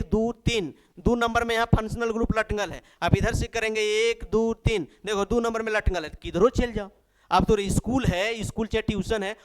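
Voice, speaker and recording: Bihari guy teaching chem, high voice, smooth and clear, jokey, keeps repeating stuff. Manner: jokey, repeats key phrases, addresses students fondly. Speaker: chemistry teacher. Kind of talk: playful classroom lesson.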